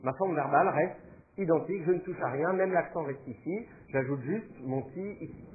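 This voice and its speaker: A man's voice: fairly high pitch, normal speed, narrow, tinny audio, a crowd in the background. A man teaching a class, explaining patiently and thinking aloud with fillers as he goes. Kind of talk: classroom lecture.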